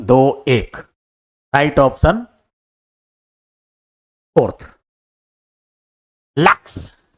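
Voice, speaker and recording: A man explaining exam answers step by step. He asks questions and answers them himself, and he calls his students brother. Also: a little high. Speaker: teacher solving an exam paper. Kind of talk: exam answer-key lesson.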